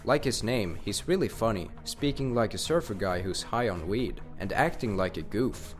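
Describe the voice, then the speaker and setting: Lower-voiced male YouTuber, scripted ranking voice-over, casual, faint music bed. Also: animated, moderate pace. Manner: enthusiastic, casual slang. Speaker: video game YouTuber. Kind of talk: scripted countdown narration.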